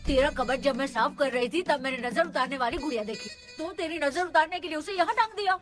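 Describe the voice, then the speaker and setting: A cheerful, homely mother, played by a woman in a Hindi dub, chatty and teasing. Her voice is fairly high, and clear music plays behind her. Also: quick pace, lightly acted.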